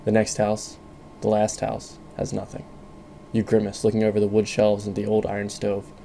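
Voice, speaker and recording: A man reading a scripted second-person story in a calm, measured way. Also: fairly low pitch, vocal fry, a little hiss or hum. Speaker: narrator.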